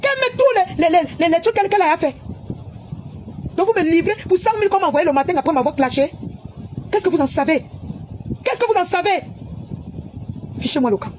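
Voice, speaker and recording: A woman's voice: very high-pitched, lively intonation, fairly quick, long pauses, slight background noise. A woman, scolding and repeating herself in an angry livestream on her phone camera. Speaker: social media personality.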